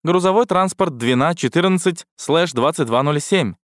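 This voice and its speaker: A squeaky, eager little paperclip AI assistant from an audiobook, as the male narrator puts it on. The voice jumps up high and bright with cheerful excitement. The recording is close and dry. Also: moderate pace, no echo, close to an everyday voice. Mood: chirpy. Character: chirpy talking paperclip AI assistant with eyes.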